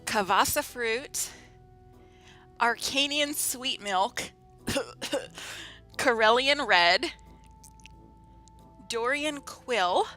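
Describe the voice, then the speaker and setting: A woman's voice: fairly high pitch, lively intonation, drawn-out words, pauses often, bright, forceful tone, soft background music. A woman chatting casually and playfully with viewers as she streams a video game, giggly in manner. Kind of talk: casual livestream game commentary and chat.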